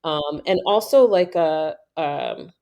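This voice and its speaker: Low-voiced woman hosting a chat. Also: slow pace, warm tone, a little hiss or hum. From New York, USA. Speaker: podcast host. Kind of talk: casual interview chat.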